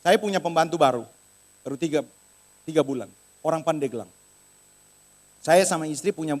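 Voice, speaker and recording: A middle-aged man preaching a sermon in a church, telling a story and acting out the voices in it. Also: a little high. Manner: animated, acts out voices in quoted dialogue. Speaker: pastor.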